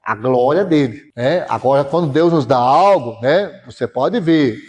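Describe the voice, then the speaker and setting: A man's voice: mid-range voice, expressive, measured pace, darkish tone, husky. A male pastor preaching a sermon, telling his own story and acting out prayers and God's replies. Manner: storytelling preacher, voices God and himself in quotes.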